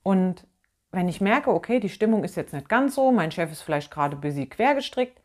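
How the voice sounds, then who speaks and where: A woman's voice: on the low side, normal speed. Candid chatty woman talking to camera. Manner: candid and animated, acts out quoted voices, laughs often, blunt slang. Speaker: inspirational vlogger. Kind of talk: casual spoken monologue.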